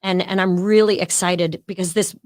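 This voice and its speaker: Animated storytelling woman, dry studio sound. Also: fairly low pitch, moderate pace, no echo. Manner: acts out quoted voices. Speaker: podcast guest. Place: podcast studio.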